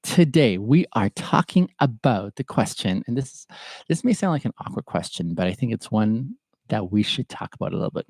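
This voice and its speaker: Male host from Ethiopia, solo reflective talk, gravelly voice, dry close sound. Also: on the low side, big pitch swings, darkish tone, no echo. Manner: thoughtful and halting, with pauses and fillers. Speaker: podcast host answering viewer questions.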